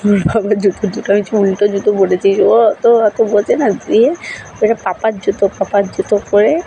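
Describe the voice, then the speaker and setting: A woman's voice: mid-range voice, flat delivery, fairly quick, mellow, slight background noise, rough recording. A young woman, narrating her day in a casual, rambling home vlog with many fillers. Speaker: vlogger, housewife.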